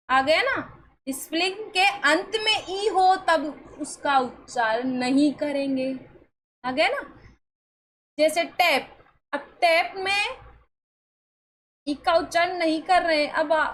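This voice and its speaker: Female online teacher with a high voice, coaxing and reassuring, quizzing students. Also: takes it slowly, pauses often, a bit bright, low-quality recording. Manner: asks the class questions and answers them herself. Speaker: English pronunciation teacher. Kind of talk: online classroom lesson.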